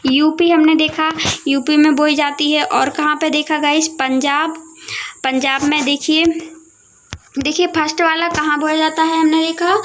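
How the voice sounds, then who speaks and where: High-voiced woman teaching a class. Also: flat delivery, a little slow, fairly bright tone, a little hiss or hum. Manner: asks questions and answers them herself; keeps addressing viewers as guys. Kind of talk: explaining a lesson over a map.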